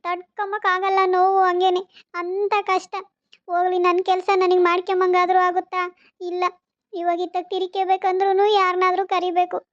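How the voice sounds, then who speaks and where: A woman voicing a tearful, despairing bedridden young wife, soft and weepy. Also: extremely high pitch, completely flat delivery, fairly quick, dry recording. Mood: weeping. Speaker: cartoon voice actor. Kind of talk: cartoon voice acting. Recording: dull lo-fi recording.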